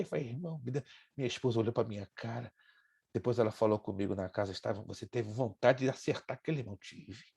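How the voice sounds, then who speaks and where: A pastor in his sixties teaching a Bible class, telling a personal story in an animated way and acting out the voices in it. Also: medium pitch, vocal fry, slightly rough. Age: 60s. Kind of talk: sermon-style lesson with personal story.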